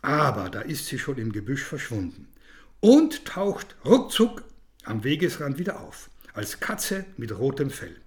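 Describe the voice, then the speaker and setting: A man narrating a children's story in an expressive, storytelling manner. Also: medium pitch, unhurried.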